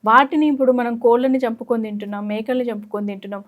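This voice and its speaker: A woman hosts a talk show and sounds indignant at the topic. She speaks very fast. Her voice is fairly high. She often chimes in with short agreements. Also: steady tone. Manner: indignant, agreeing with quick backchannels. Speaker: host.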